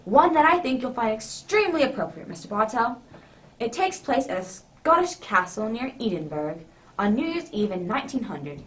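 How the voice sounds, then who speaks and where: A woman's voice: a little high, big pitch swings, normal speed, fairly bright tone, far from the mic, rough recording. A woman playing a genial, contented old male doctor telling stories by the fireside in a radio drama. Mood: storytelling.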